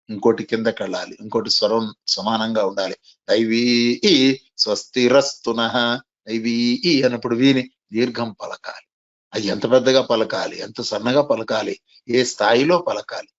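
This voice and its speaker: A man delivers a lecture in a plain mid-range voice, teaching step by step and spelling words out letter by letter. He poses questions and answers them himself. The recording sounds dull and lo-fi. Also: medium pitch. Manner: asks and answers rhetorical questions. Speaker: lecturer on communication skills. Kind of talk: classroom lecture.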